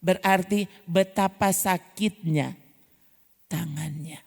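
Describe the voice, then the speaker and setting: A woman's voice: fairly low pitch, slow, gravelly, darkish tone. A woman pastor with a North Sulawesi Manado Malay accent, preaching a sermon and firing rhetorical questions at the congregation. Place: large church hall. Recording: long church hall reverb.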